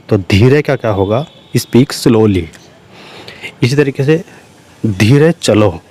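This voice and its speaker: A man teaching everyday English sentences with explanations in Hindi, repeating each English phrase slowly. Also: medium pitch, darkish tone. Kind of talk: slow spoken language lesson.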